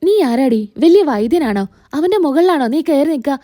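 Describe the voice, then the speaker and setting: A woman's voice: sits high, expressive, normal speed, dark tone. A woman voicing an indignant middle-aged mother who scolds her daughter-in-law. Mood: scolding. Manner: scolding, accusing.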